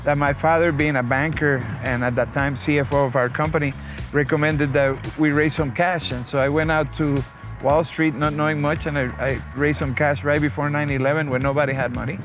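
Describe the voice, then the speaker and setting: A man from Costa Rica speaks as an interview guest, friendly and talkative, often restarting his sentences. His voice sits a little high, and music plays clearly behind him. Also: steady tone, brisk. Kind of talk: conversational interview. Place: outdoors in a vehicle.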